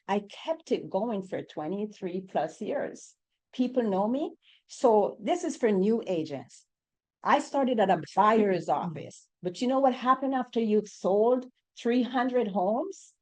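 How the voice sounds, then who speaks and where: On a real estate panel, a middle-aged Jamaican woman with a Jamaican accent speaks emphatically and poses rhetorical questions to the audience. Her voice is mid-range with a darkish tone.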